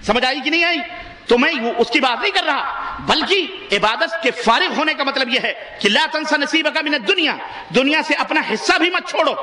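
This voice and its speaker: Male preacher, Pakistani Urdu accent, fiery exhorting sermon, very high bright voice. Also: reverberant. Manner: exhorting, rhetorical questions to the congregation; soars to high emphatic peaks. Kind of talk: impassioned sermon.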